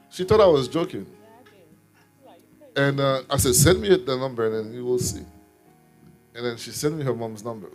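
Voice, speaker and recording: A man who serves as an apostle, sharing a personal testimony in a ministry talk, earnest and repeating his words as he tells the story. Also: mid-range voice.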